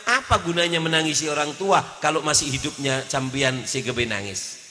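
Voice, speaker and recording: A man preaching a lively, joking sermon, switching between chanted prayers and shouted punchlines. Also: on the high side, normal speed, big-room sound, soft background music. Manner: animated, mixes jokes, chants and shouted lines. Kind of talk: humorous Islamic sermon.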